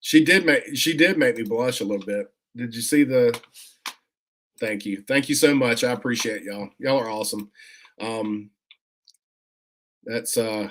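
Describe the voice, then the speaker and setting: A man hosting a casual comic unboxing video. He talks in a relaxed, rambling way with many fillers and restarts, and often stops to thank viewers for their comments. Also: medium pitch. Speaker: comic collector vlogger, host.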